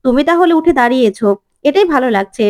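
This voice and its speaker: A woman's voice: high-pitched, expressive, fast talker, darkish tone, no echo, studio quality. A woman voicing a bossy elderly great-aunt who gives orders and brooks no argument. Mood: commanding.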